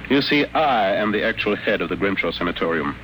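An actor playing a sly scientist who poses as a pompous mental patient in a 1940s radio drama. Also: male voice, low voice, animated, a little fast. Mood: cold. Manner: pompous, theatrical, then coldly menacing. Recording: old radio broadcast with faint hiss.

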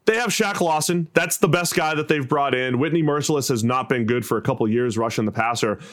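An American man hosts a sports show in a conversational analyst style. His pitch is in the middle range for a man, and he lays out his points like someone chatting with a colleague. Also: brisk. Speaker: sports podcast host.

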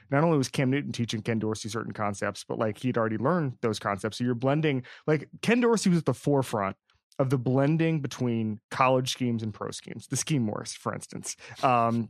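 Male podcast host, mid-pitched, casual sports talk, rambles with restarts, close dry mic. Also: no room sound. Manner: rambling, frequent restarts and asides.

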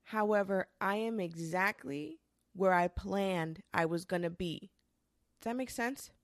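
A woman's voice: medium pitch, animated, no room sound, clean studio sound. Candid, cussing woman in her twenties. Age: 20s. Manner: candid and profane, with frequent restarts and quick bursts. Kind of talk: casual confessional monologue.

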